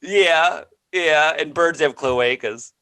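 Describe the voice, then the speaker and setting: A man co-hosting a casual comedy podcast, telling a story with lively jumps in pitch when he quotes people. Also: slow, clear, resonant tone. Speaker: co-host.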